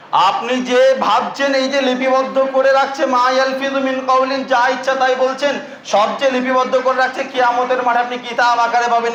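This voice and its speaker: A male preacher with a West Bengal Bengali accent delivers an emphatic sermon in a very high voice. He slows down for recited Arabic verses. The recording carries the echo of a hall and a faint background hiss. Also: fairly bright tone, lo-fi sound. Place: mosque or religious gathering hall. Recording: echoey hall, faint noise.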